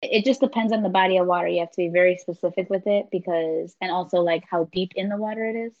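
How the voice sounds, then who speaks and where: Woman, lowish voice, casual podcast co-host, chatty explainer, lo-fi muffled sound. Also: steady tone, quick pace. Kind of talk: casual chat. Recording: dull lo-fi audio.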